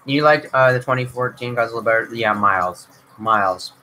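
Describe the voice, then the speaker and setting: Answering viewer questions on his own casual livestream, a young YouTube host talks a little fast in a bright, forceful, medium-pitched voice. His delivery is rambling and filler-heavy with frequent restarts, and there's slight background noise.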